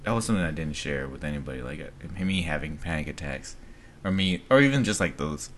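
A man co-hosting a casual chat, speaking softly with a lot of up-and-down movement in his voice. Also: rumbling low, expressive, brisk, slight background noise.

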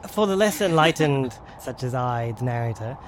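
A man with a medium-pitched voice narrates an improvised story and banters with the players. His manner is dry and mock-formal. Some noise sits in the background. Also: expressive, normal speed.

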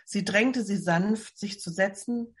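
A woman reading a Bible novel aloud from home for a church service, in calm storytelling. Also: mid-range voice, takes it slowly, slightly rough. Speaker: lay reader.

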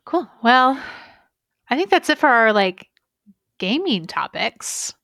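A woman's voice: on the high side, very animated, takes it slowly, creaky, a bit bright, no room sound, clean studio sound. A young woman co-hosting a gaming podcast in casual, rambling, enthusiastic chat. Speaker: podcast co-host.

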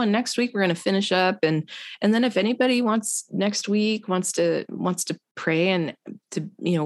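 A woman with a low, deep voice, telling a personal story in an easy, chatty way. She jumps into other people's voices as she quotes them. The sound is dry and close, with no room echo. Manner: animated storyteller acting out quotes. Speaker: guest. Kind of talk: casual testimony conversation.

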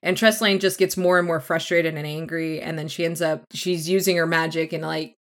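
Lively woman recapping a book. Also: low voice, a little fast. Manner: animated retelling, acting out characters' lines with laughs. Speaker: podcast co-host. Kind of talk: casual book recap chat.

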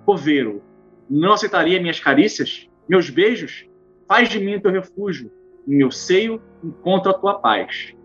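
A seductive spirit of the grave calls out low and slow, coaxing and intimate, as a man reading his book puts her on. The voice is husky and sits a little below the reader's usual pitch. The sound is dull and lo-fi, with faint music underneath. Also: expressive.

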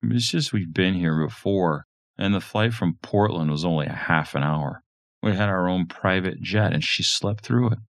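A man's voice: sits low, moderate pace, dry recording, studio quality, pitched above the performer's own voice. A man reading the part of a worn-down middle-aged father who talks bluntly and swears. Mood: boastful.

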